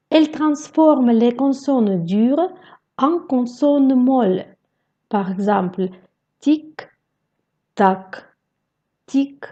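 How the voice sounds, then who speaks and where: A woman teaching Russian vowels in a slow pronunciation lesson, carefully modelling each sound. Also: fairly high pitch, warm tone, highs cut off.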